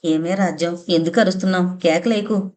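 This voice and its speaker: A woman reading the part of a harsh middle-aged husband who threatens and blusters rapidly. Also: lowish voice, steady tone, a little mellow, natural voice. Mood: angry.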